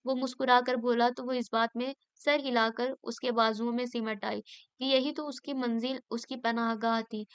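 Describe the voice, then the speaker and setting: A woman's voice: on the high side, fairly even intonation, moderate pace, clean tone, no echo, muffled recording. A woman narrating a romance novel aloud, reading every character's lines. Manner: reads all dialogue in her own voice. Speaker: novel reader.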